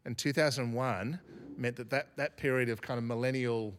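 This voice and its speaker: A man speaking as a guest academic in an interview, reflective and unhurried, often restarting his sentences. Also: medium pitch, steady tone. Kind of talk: thoughtful podcast interview.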